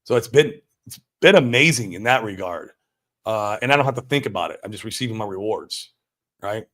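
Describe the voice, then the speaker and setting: His voice is on the low side yet a bit bright, and this American livestream host talks a little fast with plenty of animation. He chats casually, answering viewers live with slang and exclamations.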